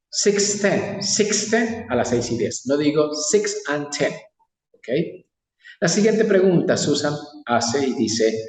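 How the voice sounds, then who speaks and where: Slow, deliberate man teaching in an echoey room. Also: a little high, a little mellow. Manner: slow, deliberate, exaggerated English pronunciation. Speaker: English teacher. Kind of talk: classroom lesson. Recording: echoey room, distant mic.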